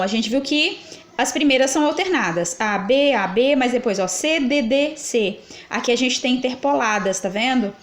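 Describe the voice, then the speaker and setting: A woman teacher with a Brazilian Portuguese accent and a notably high voice. She works through exam questions methodically, counting things aloud and stopping often to check that her students follow. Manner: patient, explains step by step, counts syllables aloud, checks with "tá?". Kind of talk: exam prep lesson.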